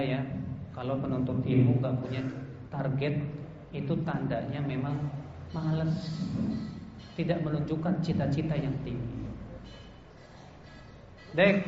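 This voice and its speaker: A man's voice: medium pitch, mellow, a little hiss or hum. A man gives a casual religious talk to students, speaking to them directly and asking them questions. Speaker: Islamic preacher. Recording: echoey hall, slightly dull sound.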